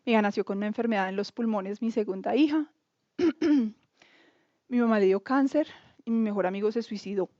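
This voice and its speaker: A woman's voice: medium pitch, a little mellow, dry recording, muffled recording. A woman in her thirties from Bogotá, Colombia, with a Bogotá accent, telling her faith testimony in a candid, chatty, self-mocking way and acting out quoted dialogue. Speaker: testimony speaker. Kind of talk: casual spoken testimony.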